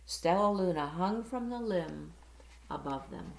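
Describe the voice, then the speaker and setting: Slow, expressive woman reading aloud. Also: on the low side, vocal fry, a little hiss or hum. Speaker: school board director reading to children. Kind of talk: reading a picture book aloud. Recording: roomy echo.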